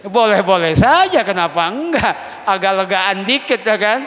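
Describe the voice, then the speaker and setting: A male religious teacher giving a kitab study lecture, chanting Arabic text slowly and then explaining it with casual humor. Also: sits high, lively intonation, a bit bright. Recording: long reverb of a hall.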